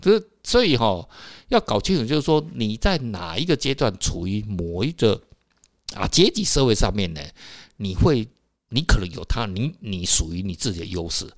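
A man's voice: on the low side, very animated, normal speed, dry recording, clean studio sound. A man with a Taiwanese Mandarin accent, hosting a casual solo talk for listeners, rambling with filler particles and tag questions. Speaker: podcast host.

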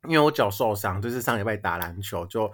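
Young man, Taiwanese Mandarin accent, podcast host, rapid excitable venting, pitch swinging widely. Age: young adult. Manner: animated, complaining, frequent laughter. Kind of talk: casual chat.

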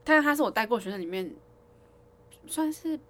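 A woman's voice: fairly high pitch, a little fast, a little hiss or hum. A woman piano teacher, chatting casually on a podcast and telling stories with lots of laughter. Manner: animated storytelling, laughs often.

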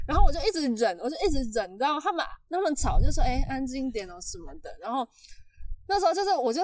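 A woman telling a story in casual chat, animated and laughing often. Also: sits high, quick pace, no room sound. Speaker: podcast host telling a story.

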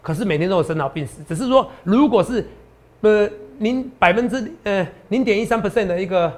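Hoarse, boastful man talking fast and high. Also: lively intonation. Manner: boastful, emphatic, rhetorical questions. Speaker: stock market analyst host. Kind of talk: promotional market commentary.

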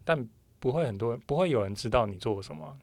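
A woman with a Taiwanese accent and an unusually low voice chats casually. She speaks quickly but in a laid-back way. The recording is close and dry. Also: lively intonation, vocal fry, darkish tone, no echo. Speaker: podcast co-host. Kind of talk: casual chat.

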